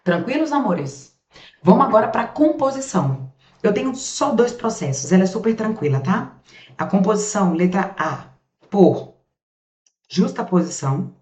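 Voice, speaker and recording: A woman with a Brazilian accent teaching a grammar lesson. She chats with her students as she goes, asks their questions for them and answers them, and spells out sounds slowly while she writes. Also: medium pitch, expressive, darkish tone. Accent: Brazilian Portuguese. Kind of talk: recorded classroom lesson. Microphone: camera set up in front of her. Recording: roomy, slightly dull sound.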